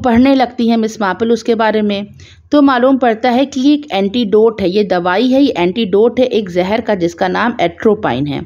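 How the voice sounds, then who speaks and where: A woman retells a detective story in a relaxed, conversational way, adding small explanatory asides as she goes. Her voice sits at an ordinary middle pitch. The recording is a little dull and lo-fi.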